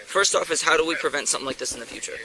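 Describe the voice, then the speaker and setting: A man's voice: a little high, very fast, rough recording. Firm blunt male police officer. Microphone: body camera. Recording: body cam audio with crowd noise.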